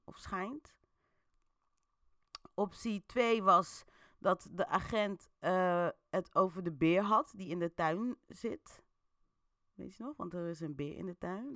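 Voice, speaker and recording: Chatty woman with a bright, dry voice. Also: on the low side, no echo. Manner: chatty, playful, many fillers. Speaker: interactive story host. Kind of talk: casual storytelling with audience votes.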